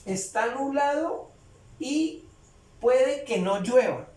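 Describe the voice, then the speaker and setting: A man teaching English grammar in Spanish, explaining slowly and repeating phrases as he writes on a board. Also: extremely high pitch, lively intonation, a little mellow, far from the mic. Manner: slow, repeats phrases while writing. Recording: echoey room, voice away from mic.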